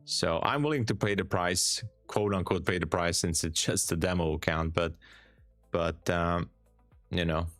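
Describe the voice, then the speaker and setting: A man with a Hungarian accent and a low, unhurried voice chats calmly on a live stream. He reads viewers' comments and responds in a laid-back way, repeating words for emphasis, with faint music behind him and no echo.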